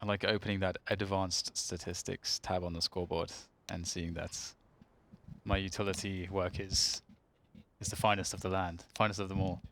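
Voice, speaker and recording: Man, very low voice, bright edge, playful esports caster. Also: level tone, moderate pace. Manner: playful, teasing. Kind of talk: casual commentary banter.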